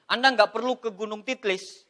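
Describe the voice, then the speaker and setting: A middle-aged man with a high, bright voice gives an animated motivational seminar talk. He jokes with the audience and points to photos as he speaks. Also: normal speed. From Indonesia. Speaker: network marketing motivational speaker.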